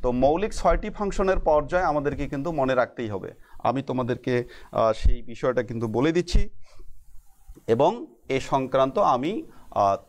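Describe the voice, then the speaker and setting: A middle-aged man with a Bangladeshi Bengali accent teaching a math lesson, asking questions and answering them himself, spelling terms out slowly. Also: medium pitch.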